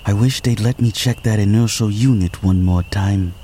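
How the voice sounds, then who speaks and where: A man's voice: fairly low pitch, normal speed, mellow, slight background noise, close to an everyday voice. An actor playing a fussy, formal man fleeing on foot at night, speaking in precise, proper phrases. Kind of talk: audio drama acting.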